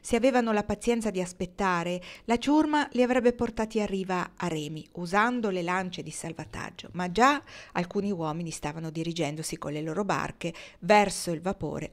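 A woman reading a novel aloud in a measured, expressive storytelling manner. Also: on the low side. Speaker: audiobook reader.

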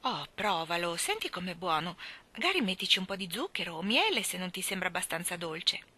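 A woman voicing a cheerful, talkative young housemaid who speaks in a lively, homely and blunt way in a storybook reading. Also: on the low side, brisk, exaggerated voice. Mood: chatty, lively.

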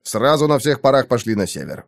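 A man playing a hurried airship captain. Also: medium pitch, sing-song, gravelly, dry recording, clean studio sound. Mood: telling. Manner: quick urgent reporting. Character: anxious male airship captain, urgent.

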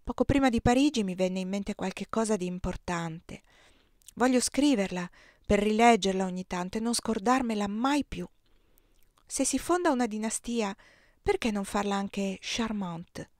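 A woman reading a novel aloud in a soft, measured storytelling voice. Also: medium pitch, animated, dry recording, clean studio sound. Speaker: audiobook reader. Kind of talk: audiobook narration.

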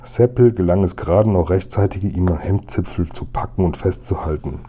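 A man calmly narrating a children's story as an audiobook reader. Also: low-pitched, normal speed, slight background noise.

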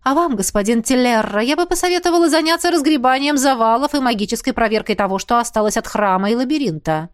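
A woman's voice: on the high side, expressive, fast, hardly any pauses, natural voice. A woman as a curt, stern priestess. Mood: commanding. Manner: curt, authoritative.

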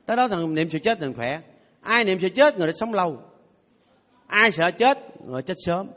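A man's voice: high voice, very animated, fairly quick, pushed and bright. A Buddhist monk giving a playful, humorous dharma talk, leading his audience in call-and-response chanting. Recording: long hall reverb.

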